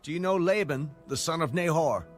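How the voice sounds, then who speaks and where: A man's voice: fairly high pitch, fairly quick, faint music behind, voice pushed up, natural voice. A man playing Jacob, an eager, earnest male traveller, in a dramatized audio Bible. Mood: eager, inquiring.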